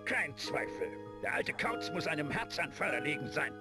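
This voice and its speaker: An actor playing a grumpy, blustering old police inspector in a video game, bossy and quick to scold. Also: male voice, on the high side, sing-song. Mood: pompous, certain. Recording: loud music under the voice.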